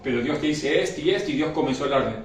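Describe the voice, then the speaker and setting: A man with a high voice preaches with emotion, repeating lines and putting questions to his listeners. His voice echoes heavily around the room, and he is picked up from some distance with faint noise behind. It sounds like a church recording. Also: rapid-fire. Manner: emotional, repeats phrases, asks the congregation questions. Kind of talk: sermon.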